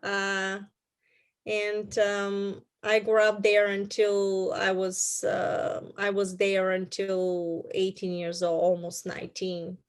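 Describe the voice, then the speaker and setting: A middle-aged woman from Bulgaria with a Bulgarian accent, telling her story as an interview guest in a halting way with many fillers. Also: mid-range voice, monotone, clean tone.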